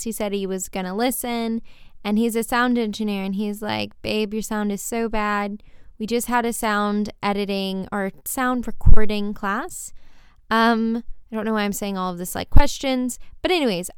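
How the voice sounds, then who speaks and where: A woman's voice: mid-range voice, clear, resonant tone, no echo, studio quality. Woman talking from under a blanket. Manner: chatty, rambling and apologetic. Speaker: podcast host. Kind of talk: casual spoken apology to listeners. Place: under a blanket on a bedroom floor.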